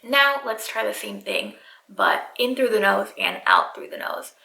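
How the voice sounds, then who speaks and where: A woman's voice: mid-range voice, wildly swooping pitch, measured pace, creaky, pushed and bright, reverberant, low-quality recording. A woman yoga instructor giving step-by-step guided breathing cues straight to the viewer. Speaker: yoga instructor, channel host.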